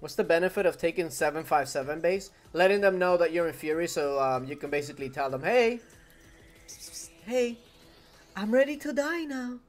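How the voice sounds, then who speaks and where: Soft background music accompanies a young man whose voice is on the high side and whose pace is moderate. Spanish is his first language and he speaks with that accent, chatting casually with viewers and often repeating phrases as he streams a game live from his home desk.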